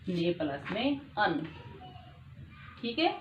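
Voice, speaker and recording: Slow, patient woman teacher, echoey room. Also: on the low side, sing-song. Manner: patient, repeats each point, checks understanding often. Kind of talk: classroom grammar lesson. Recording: echoey room, dull lo-fi sound, faint noise.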